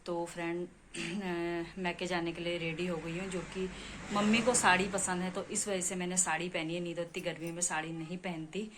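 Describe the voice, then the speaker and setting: A woman's voice: lowish voice, flat delivery, normal speed. A middle-aged woman from India chatting with her viewers as she narrates her day in a casual vlog, talking into a phone camera. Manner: chatty, addresses viewers as friend. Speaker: vlogger. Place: outdoors, village shop and market. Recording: noisy outdoor phone recording.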